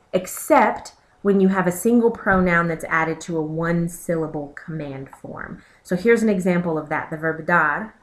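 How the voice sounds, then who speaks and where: A woman teacher narrating a recorded slideshow lesson, explaining step by step and pointing to examples on the slides. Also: on the low side. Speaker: Spanish teacher.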